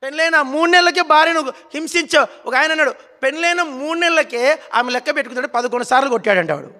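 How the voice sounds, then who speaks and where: A man's voice: very high-pitched, fast, sharp tone. A man in his forties preaching a sermon in a church hall, urging the congregation to repeat lines and telling humorous stories. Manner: storytelling with humor and rhetorical questions. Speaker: pastor.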